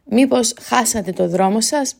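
A woman voicing a courteous young king who speaks gently and reassuringly. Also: a little high, vocal fry. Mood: gentle, curious. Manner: gentle, reassuring, then commanding.

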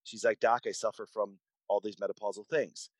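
A man in his forties tells stories from his medical practice in an interview. His voice sits fairly low and sounds dry and close, with no room around it. He talks emphatically, repeating words and restarting sentences as he goes. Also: flat delivery, brisk, dry recording, poor audio. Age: 40s. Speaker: podcast guest, doctor. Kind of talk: conversational interview storytelling.

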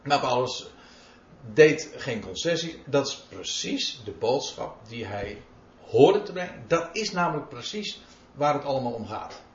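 Speaking a little slowly and with lively intonation, a medium-pitched male preacher reads out Bible verses and expounds on them emphatically. It's a sermon captured on a dull, roomy lo-fi recording.

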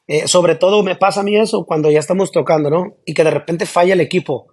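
High-voiced man, relaxed chat. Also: quick pace, slightly rough. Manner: relaxed, laughs easily, slangy. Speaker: singer of a regional band, guest. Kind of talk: casual interview chat.

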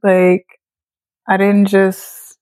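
A woman in her late twenties from Trinidad, a guest in a casual conversation, chatty and quick to laugh. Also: mid-range voice, monotone, a little mellow, dry recording. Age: late 20s. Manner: laughs often, chatty with fillers. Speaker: guest photographer.

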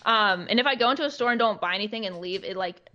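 Chatty young woman, bright voice. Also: mid-range voice, fast talker, highs cut off. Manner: chatty, heavy use of "like" fillers. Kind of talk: casual storytelling chat.

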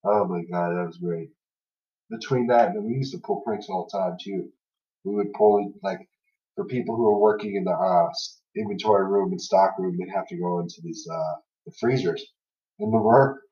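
A young man tells loose, filler-heavy anecdotes in a casual podcast chat, laughing through the funny parts. His voice sits low. He sounds set back from the mic in a roomy space with a dull, lo-fi tone. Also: normal speed, warm tone, recorded from a distance. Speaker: podcast co-host.

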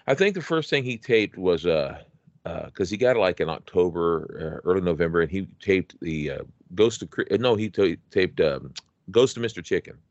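A man's voice: low voice, lively intonation, normal speed, a little mellow, no echo, muffled recording. A man co-hosting a podcast, chatting casually and nostalgically, rambling with many restarts. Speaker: podcast co-host.

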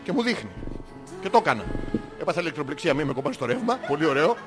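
Lively high-voiced Greek man joking. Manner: joking, laughing, swearing often. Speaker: podcast co-host. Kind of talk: casual banter. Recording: music playing behind.

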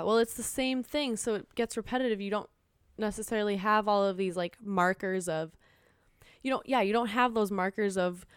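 A podcast guest, a young woman from Minnesota, speaks in a slightly high, clear and resonant voice with a faint Minnesotan accent. Her casual chat is full of lively stories, acted-out quotes, and frequent laughter, recorded at studio quality with no echo.

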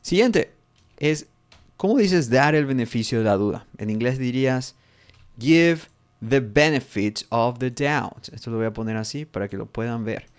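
A man's voice: medium pitch, lively intonation, darkish tone. A man teaching English phrases in an unscripted lesson, repeating each phrase and correcting himself as he goes. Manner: slow and deliberate, repeats English phrases twice; thinks aloud with fillers and self-corrections.

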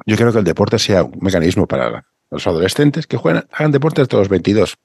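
Low gravelly interviewer. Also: male voice, expressive, fast talker, a little mellow, no room sound, clean studio sound. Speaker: interviewer and youth coach. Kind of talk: conversational interview.

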